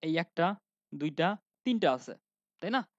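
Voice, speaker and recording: A man's voice: on the high side, sing-song, unhurried, no echo. Guy teaching grammar online, keeps asking then answering himself, lots of ums, dull dry audio. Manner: asks students questions and answers them himself, with frequent fillers.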